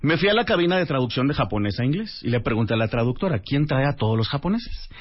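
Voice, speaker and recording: A man, a radio guest telling a lively anecdote and acting out the dialogue. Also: medium pitch, fast talker. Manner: animated storyteller acting out dialogue. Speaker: radio guest, author and translator. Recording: dull lo-fi radio audio.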